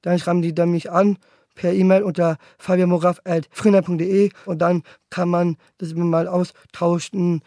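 Young adult man, aspiring actor; high, flat delivery, earnest and stumbling, dry recording. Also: no room sound. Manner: halting, earnest, many restarts. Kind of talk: casual monologue to camera.

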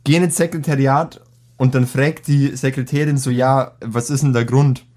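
A teenage boy chatting casually as a podcast co-host, telling a school story in slangy, animated fashion. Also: medium pitch, normal speed. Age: teens. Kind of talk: casual chat.

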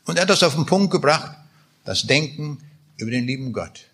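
Man, preacher, sermon, husky voice, emphatic, drawn-out key phrases. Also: fairly high pitch, lively intonation, a bit bright.

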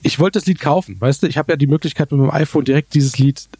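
Relaxed German podcast host, dry sound. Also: male voice, fairly high pitch, quick pace, breathy edge, no room sound. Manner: storytelling, relaxed, many fillers. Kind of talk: casual tech chat.

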